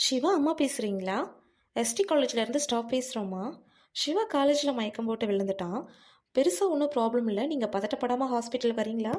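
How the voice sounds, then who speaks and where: A calm, formal college staff member on a phone call, played by a woman. The voice is slightly high and measured. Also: close to an everyday voice.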